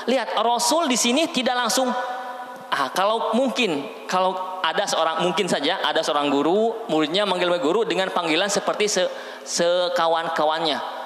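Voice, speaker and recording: A male preacher with a Sundanese-inflected accent, giving an animated sermon in a mosque and acting out scenes as he tells them. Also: sits high, normal speed. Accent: Sundanese-inflected Indonesian. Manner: animated storyteller, acts out scenes. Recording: reverberant mosque hall.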